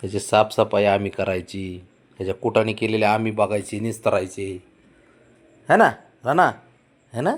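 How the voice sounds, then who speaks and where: A man's voice: lowish voice, moderate pace, pauses often. An older man, the grandfather, coaxing and babying the family cat in a casual home video.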